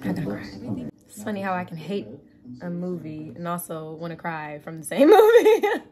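A woman's voice: fairly low pitch, very animated, normal speed, dark tone. A woman reviewing a movie on her channel, exasperated, swearing often and breaking into laughter.

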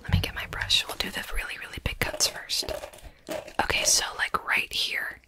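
A woman doing a whispered role-play as an attentive, reassuring hairdresser, speaking in a soft ASMR whisper with short, repeated phrases. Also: normal speed. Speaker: ASMR performer playing a hairdresser.

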